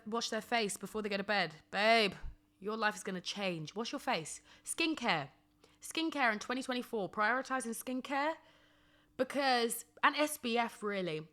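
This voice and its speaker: Pitched fairly high with a pushed, bright quality, this is a woman in her twenties hosting a podcast on her own. Her casual chat leans into humorous rants, and she's emphatic and sassy, often repeating phrases for comic effect.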